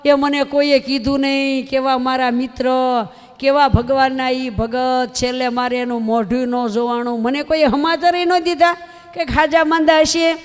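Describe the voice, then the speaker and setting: An old devotee man, mournful and wailing over a lost friend, as a woman puts him on in a sermon. The voice sits high and rings through a hall with a long reverb. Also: steady tone, normal speed, clean tone, close to an everyday voice. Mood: lamenting.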